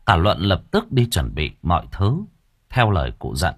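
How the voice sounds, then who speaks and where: A man narrating an audiobook story in a dramatic, expressive way. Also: low-pitched, moderate pace, breathy edge, no echo, clean studio sound.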